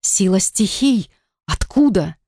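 A woman's voice: medium pitch, expressive, slow pace, warm tone, breathy edge, no echo, clean studio sound, full character voice. A woman reading the part of a young novice girl, nervous and trying to sound brave, urgent and shaky. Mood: astonished.

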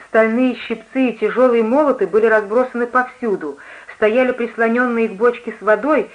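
A woman reading a first-person novel aloud, in an even, measured way. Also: medium pitch, muffled recording. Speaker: audiobook reader. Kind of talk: first-person literary narration.

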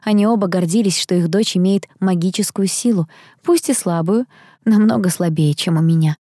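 Woman, audiobook narrator, first person, calm and even, warm dark tone, dry close sound. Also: fairly low pitch, moderate pace, no echo.

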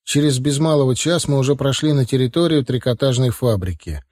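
A man narrating a first-person audiobook. His delivery is even and wry, set at an ordinary middle pitch for a man. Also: fairly quick.

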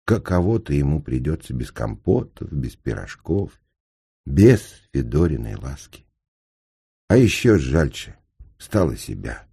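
Male audiobook narrator, deep and husky, lively and expressive. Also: measured pace. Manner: expressive, vivid storytelling.

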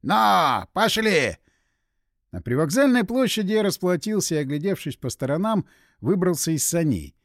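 A male audiobook narrator telling a first-person story with brisk, expressive delivery. His voice sits a touch high and moves through a lively, animated range. The recording is close and dry, with no room sound. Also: no room sound.

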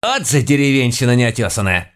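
A man voicing a feisty, sharp-tongued old witch woman in a folksy scolding way. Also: medium pitch, sing-song, moderate pace, pitched above the performer's own voice. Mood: indignant.

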